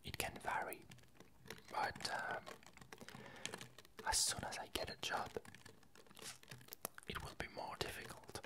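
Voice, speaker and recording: A female ASMR creator hosts her video in a whisper, giving a laid-back update through short, hesitant phrases and frequent pauses. Clinking ice cubes fill the background.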